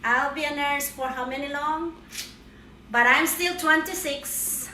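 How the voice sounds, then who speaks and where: A woman's voice: high voice, steady tone, a little slow, sharp tone, recorded from a distance, slight background noise. A middle-aged woman chatting playfully as she cooks at home, narrating each step with cheery exclamations. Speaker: home cook. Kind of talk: casual cooking vlog narration. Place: home kitchen. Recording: echoey room, voice from afar.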